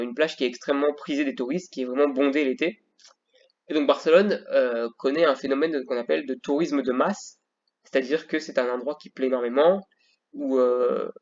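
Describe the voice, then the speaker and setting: Hesitant male teacher, lo-fi voice-over. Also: mid-range voice. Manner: hesitant, many fillers and restarts. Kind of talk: recorded slideshow lesson.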